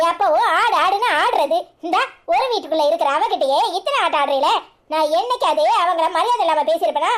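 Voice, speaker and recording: A woman voicing a fierce cartoon sister-in-law, hurling insults in a Kanyakumari Tamil accent. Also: very high voice. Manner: scornful, shouting insults. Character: fierce woman defending her brother's wife. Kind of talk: cartoon serial voice acting.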